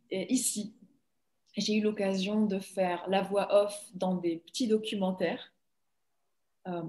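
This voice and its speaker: A woman's voice: mid-range voice, a little mellow, reverberant. A young woman from Belgium, an actress, chatting casually and laughing often in an interview over a video call.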